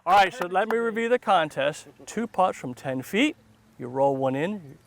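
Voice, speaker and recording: A man hosting and calling golf outdoors as a commentator, with an excited, encouraging, exclamatory delivery. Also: high-pitched, moderate pace, noisy background. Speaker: golf show host and commentator. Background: music.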